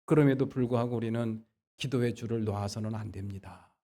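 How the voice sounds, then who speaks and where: A man preaching a Sunday sermon as pastor. He moves between quiet asides and loud, emphatic exhortation. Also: medium pitch, a little fast. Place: church sanctuary.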